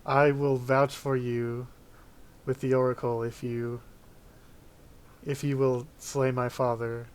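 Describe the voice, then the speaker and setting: Man acting earnest pleading ghost, slow halting speech, solemn, flat intonation, tabletop fantasy game. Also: mid-range voice, clear, resonant tone, natural voice.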